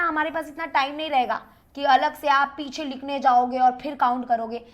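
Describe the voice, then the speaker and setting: Female math tutor, bright high voice, quick classroom delivery, drops in English terms. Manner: brisk, counts aloud and quizzes the class; mixes English terms into her talk. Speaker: math teacher. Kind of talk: whiteboard math lesson.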